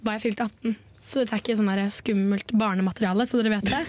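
A woman's voice: mid-range voice, steady tone, background noise. A woman co-host telling a story casually, with frequent hesitations. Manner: chatty, many filler hesitations. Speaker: podcast co-host.

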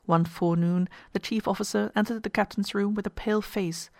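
A woman narrates a story at an even, measured pace. Her voice sits mid-pitch and sounds dry and close. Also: vocal fry, dry recording.

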